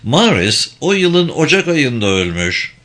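A man's voice: mid-range voice, very animated, unhurried, fairly bright tone, voice pushed up. A man reading a polite questioning Englishman. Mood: inquiring. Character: inquisitive Englishman from London, man.

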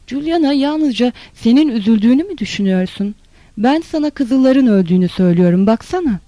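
A narrator voicing a hot-headed, bullying army captain who barks orders and shouts curses, in an audiobook reading. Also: mid-range voice, expressive, fairly quick, no room sound, close to an everyday voice. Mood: defiant shouting.

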